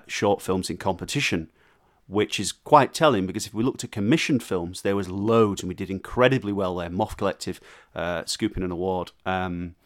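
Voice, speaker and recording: A man co-hosting a casual podcast chat, talking in an animated, emphatic way with frequent restarts. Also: fairly low pitch.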